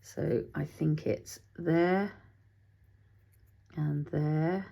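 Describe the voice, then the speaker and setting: Low gravelly woman thinking aloud. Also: steady tone, drawn-out words, mellow. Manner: chatty, thinks aloud, talks to her materials, sometimes drops to a whisper. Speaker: craft tutorial host. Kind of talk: casual crafting tutorial, talking while working.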